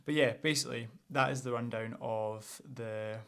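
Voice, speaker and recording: This outdoor instructor from Scotland is a young man speaking at a medium pitch and moderate pace, his voice gravelly yet clean. He chats relaxedly for his vlog, often restarting and saying um.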